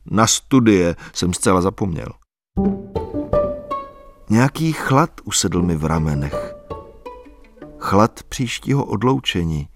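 A man narrating a literary novel in a measured, soft-spoken, reflective way. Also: low voice, animated, music in the background. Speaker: audiobook narrator.

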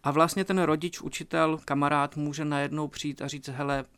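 A man, an author and creative writing tutor, explaining his ideas in a radio studio interview, measured and hesitant with many fillers and restarts. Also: a little high, little pitch movement, fairly bright tone, clean tone.

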